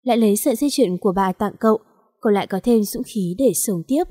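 A woman narrating a sad story in a slow, mournful reading style. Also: medium pitch, dark tone, no echo, clean studio sound. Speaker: audiobook narrator.

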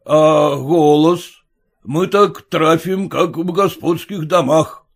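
A man with a fairly high voice speaks slowly while playing a gruff, stingy old merchant. The bossy, domineering character talks bluntly and scolds his servants.

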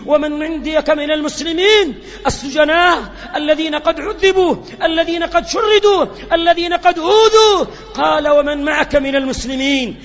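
A man with a very high, piercing voice preaches a fervent sermon that swells into shouting. His words ring out with a long reverb, as in a big hall. The recording sounds dull and lo-fi. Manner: impassioned, rising to shouts.

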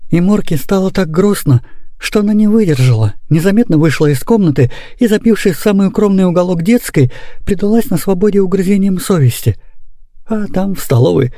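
A man narrating a children's story aloud in an expressive, animated way. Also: high voice, vocal fry, no room sound, clean studio sound. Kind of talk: audiobook reading of a children's story.

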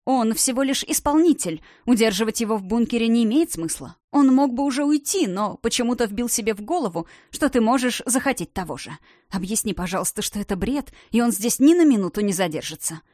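A woman's voice: on the high side, expressive, brisk, warm tone, no echo, studio quality. A woman voicing a cold, commanding middle-aged mentor who speaks in clipped, authoritative sentences.

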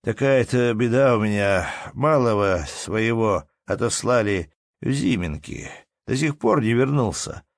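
A man's voice: fairly low pitch, expressive, a little slow, gravelly, dry recording, studio quality. A man voicing a lazy, sleepy peasant innkeeper who drawls as he haggles. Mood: drawling.

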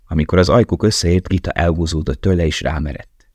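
A man reading an audiobook in a calm, measured narration. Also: low-pitched, breathy edge, no room sound. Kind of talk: scripted narration.

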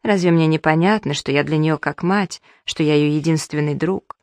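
A woman's voice: low voice, normal speed, dry recording, studio quality. A reader voicing a proud, distraught young woman who begs and argues with feeling, in an audiobook. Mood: pleading. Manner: pleading, emotional reading.

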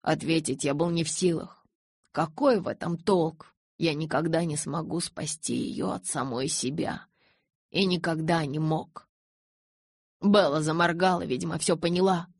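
A woman narrating an audiobook in the first person, measured and restrained. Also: deep voice, darkish tone, slightly rough, no echo, studio quality.

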